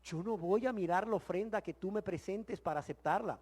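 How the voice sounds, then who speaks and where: A man teaching the Bible in sermon style, emphatic and full of rhetorical questions, swinging from loud exclamations to hushed words. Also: sits high, a little fast.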